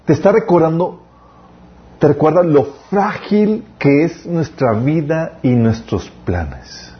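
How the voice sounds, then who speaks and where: A man giving a casual sermon as youth pastor, full of restarts and slowed emphatic phrases. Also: a little high, expressive, muffled recording. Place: church.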